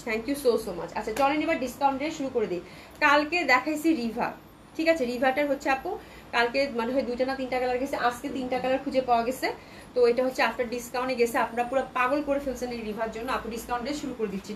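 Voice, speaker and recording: A woman's voice: high-pitched, fast, a bit bright, slight background noise, low-quality recording. A woman from Bangladesh hosting a live clothing sales stream, chatting with viewers and reading out their comments, with a sore throat from a cold. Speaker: online clothing seller.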